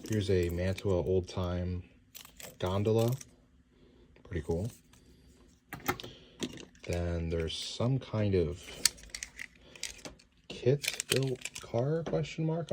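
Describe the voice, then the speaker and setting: A man casually narrating an unboxing, relaxed and halting with many fillers, his voice a little worn. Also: deep voice. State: slightly losing his voice. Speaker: model train hobbyist. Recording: loud background noise and crinkling.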